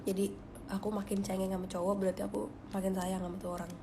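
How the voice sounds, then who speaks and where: A woman's voice: medium pitch, flat delivery, fast talker, background noise. A young woman, chatting casually on a phone livestream in a confiding way that often drops to a whisper. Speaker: livestream host.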